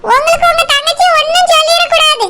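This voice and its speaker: A woman voicing a mocking, sharp-tongued village woman in a cartoon, with a Tirunelveli Tamil accent, a bit away from the mic. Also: extremely high pitch, steady tone, quick pace, very noisy. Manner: mocking, scolding.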